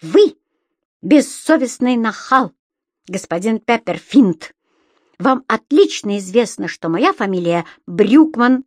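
A woman voicing an indignant, scolding middle-aged landlady who shouts through a door. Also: medium pitch, animated, slow pace, no room sound, studio quality. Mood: furious. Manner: outraged, shouting.

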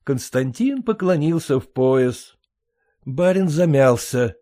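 Lively male storyteller. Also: mid-range voice, no room sound, clean studio sound. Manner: measured storytelling. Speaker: narrator. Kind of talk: scripted narration of a classic story.

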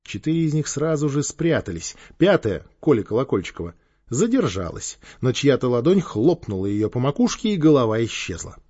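A man narrating a children's story in an expressive, lively style. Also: medium pitch, fairly quick, breathy edge, highs cut off. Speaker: audiobook narrator. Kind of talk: literary narration.

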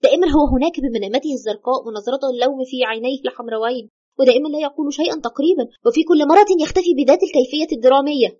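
A woman's voice: high voice, racing, a little mellow, dull audio. A woman playing a terrified haunted widow. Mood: tense. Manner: fearful, urgent, breathless retelling. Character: frightened widow haunted by her husband's ghost. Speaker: storyteller consulting a doctor. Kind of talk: audio horror drama.

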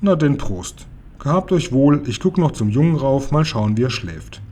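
A man's voice: medium pitch, animated, moderate pace, mellow, natural voice. A man reading a children's story and voicing a cheerful, eccentric middle-aged pharmacist uncle who talks in a jolly, cheeky way.

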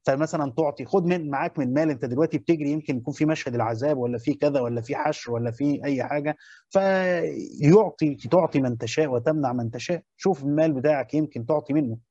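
A man with an Egyptian accent gives a classroom lesson at a quick clip in a slightly raised voice. He repeats his key points and stops often to ask whether his listeners follow. The recording is dull and dry, with no room sound. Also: on the high side, dark tone, no room sound. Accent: Egyptian Arabic. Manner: repeats key phrases and checks understanding with questions. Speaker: teacher explaining a Quran commentary.

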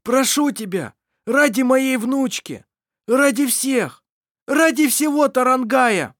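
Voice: medium pitch, animated, normal speed, no echo, clean studio sound, pitched above the performer's own voice, close to an everyday voice. A reader voicing an older grandfather, anxious and urgent, with a raised pleading voice, in an audiobook. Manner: pleading, then heavy and hushed.

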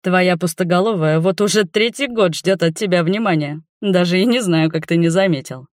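A reader playing a calm young water mage in a fantasy storybook, giving even-tempered, faintly mocking advice. The voice sits mid-range and is read close to the mic in a dry space. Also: mid-range voice, moderate pace, no room sound, close to an everyday voice. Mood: teasing. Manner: even, teasing, advising.

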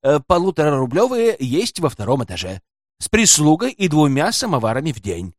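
A man voicing a sly, greedy hotel porter who talks in a folksy, servile, hushed way in an audiobook. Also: on the high side, huge pitch swings, fairly quick, no echo, studio quality. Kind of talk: audiobook character voice.

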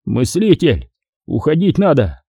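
A man voicing a gruff, wounded older sergeant-major who talks in a hoarse grumble. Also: fairly high pitch, huge pitch swings, unhurried, dark tone, no room sound, studio quality, voice pushed up, heavily acted.

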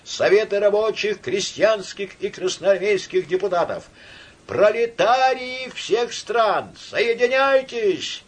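A man voicing a fervent male street orator, declaiming to a crowd and rising to shouts. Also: high voice, lively intonation, takes it slowly, voice pushed up, heavily acted. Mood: exultant.

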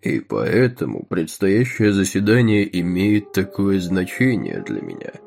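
An actor playing a smug, scheming male railroad executive who speaks in a crisp, monotone, self-assured way. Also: sits low, measured pace, soft background music, full character voice.

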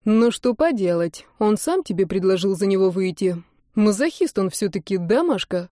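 A woman's voice: mid-range voice, very animated, normal speed, dark tone, dry recording, studio quality, close to an everyday voice. A woman voicing a smug, joking older brother in an audiobook. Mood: mocking. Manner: mocking, self-important. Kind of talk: audiobook character reading.

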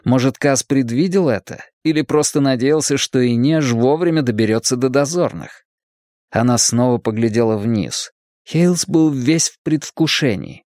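A man narrating an audiobook in an expressive, storytelling way. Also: medium pitch, normal speed, no echo, clean studio sound. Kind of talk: scripted narration.

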